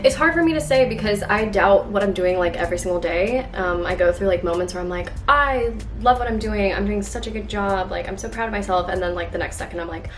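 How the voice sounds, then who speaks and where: A woman's voice: medium pitch, quick pace, hardly any pauses, noisy background. A woman in her twenties chatting casually to the camera while baking at home, bubbly and full of "like" fillers. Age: 20s. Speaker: lifestyle vlogger. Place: home kitchen, indoors. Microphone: camera on the counter. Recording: echoey kitchen, faint music.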